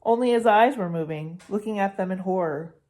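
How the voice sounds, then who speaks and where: Woman, narrator, storybook read-aloud, steady, expressive, mid pitch. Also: fairly quick.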